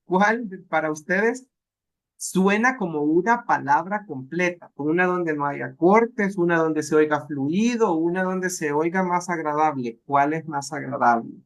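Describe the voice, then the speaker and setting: A man teaching a language class, speaking slowly and patiently and repeating words aloud so students can hear them. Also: on the high side. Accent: Salvadoran. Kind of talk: live class instruction.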